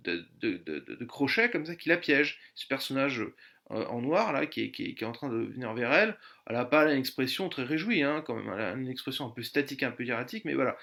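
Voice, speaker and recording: A man talks through a painting detail by detail in an unscripted commentary. He hesitates often, repeating small words and filling pauses as he searches for the next thought. His voice sits in an ordinary middle register. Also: mid-range voice, creaky, a bit bright. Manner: musing, describing a painting detail by detail. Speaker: art commentator. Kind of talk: spoken art commentary.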